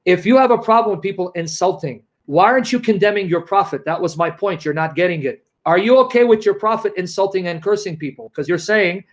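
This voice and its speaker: Fast, high-voiced man debating combatively. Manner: combative, mocking, insistent. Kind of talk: heated online debate.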